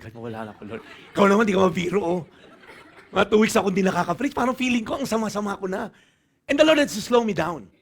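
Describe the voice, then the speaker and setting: A middle-aged Filipino man preaching a sermon full of jokes, acting out little dialogues as he talks. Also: high-pitched. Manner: animated, joking, acts out little dialogues. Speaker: pastor. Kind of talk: humorous sermon.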